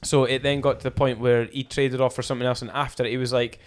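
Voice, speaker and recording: Male podcast co-host, rapid and animated, sweary casual storyteller. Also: medium pitch, clear, resonant tone. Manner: fast, animated storytelling with heavy swearing and slang. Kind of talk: casual chat.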